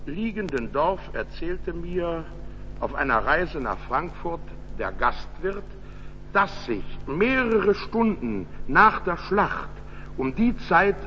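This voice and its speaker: A man reading an old-fashioned short story aloud in a measured storytelling manner. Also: a little high. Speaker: reader. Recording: dull echoey recording with faint hum.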